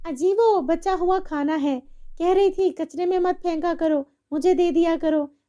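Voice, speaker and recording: Woman doing a shrill, bossy rich mistress. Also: a little slow, warm tone. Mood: calm. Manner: scolding, bossy.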